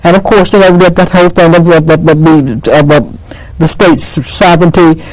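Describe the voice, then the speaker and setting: A woman's voice: low-pitched, steady tone, normal speed, a little mellow, faint music behind, low-quality recording. This is a woman speaking as an interview guest, teaching history in a conversational but impassioned way. She is emphatic, and she repeats phrases to drive them home.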